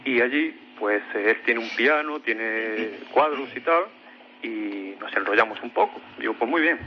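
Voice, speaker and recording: A man's voice: lowish voice, measured pace. A man earnestly telling a personal experience as a radio listener, vivid and mimicking sounds aloud. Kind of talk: personal storytelling. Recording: muffled radio broadcast with faint hiss.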